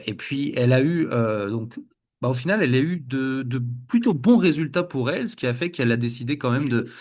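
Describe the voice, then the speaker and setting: A man hosting a weekly online call, introducing a guest with many fillers and restarts. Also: medium pitch. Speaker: webinar host. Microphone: video call.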